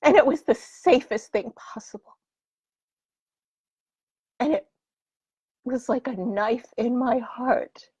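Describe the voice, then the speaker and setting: A woman giving a heartfelt personal talk on emotions, often dropping into soft whispers and then rising to emphatic intensity. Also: on the high side, slow pace, pauses often, breathy edge, dry recording.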